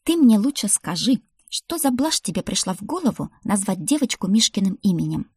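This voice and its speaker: A woman voicing a stern, grumbling grandmother, an ice witch, in an audiobook, with a scolding manner and a husky, dry voice. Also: mid-range voice, big pitch swings, a little fast, darkish tone, dry recording. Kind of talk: audiobook character voice.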